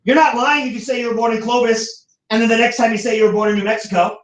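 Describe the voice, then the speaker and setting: Brief: high-pitched American man lecturing a class, lively and theatrical, caught from far off in an echoey classroom. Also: fast. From United States. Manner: animated, acts out quoted voices. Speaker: teacher.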